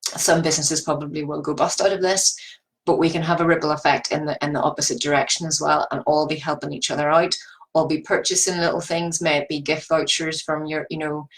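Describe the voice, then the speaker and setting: A woman's voice: sits low, little pitch movement, fairly quick, rough recording. A woman with a Northern Irish accent giving informal business advice in an earnest, encouraging, rambling way, repeating phrases for emphasis. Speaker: business coach. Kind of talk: informal advice monologue to online viewers.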